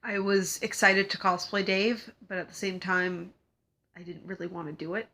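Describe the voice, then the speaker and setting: Congested young woman rambling on her vlog, giggles a lot, bright voice. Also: on the low side, little pitch movement, normal speed. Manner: rambling, giggly, lots of fillers. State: congested from a cold. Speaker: cosplay vlogger. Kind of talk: casual chat to camera.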